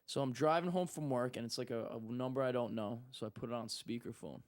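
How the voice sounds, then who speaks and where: A man's voice: mid-range voice, a little fast. A young man telling a story in casual talk, acting out what people said. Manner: animated, acts out quotes. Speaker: guest.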